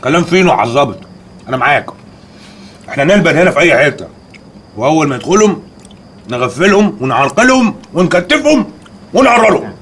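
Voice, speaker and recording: An actor playing a blustering, tough-talking sidekick with an Egyptian accent. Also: male voice, fairly high pitch, very animated, fast talker, long pauses, a bit bright, a little hiss or hum. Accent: Egyptian Arabic. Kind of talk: TV sitcom acting.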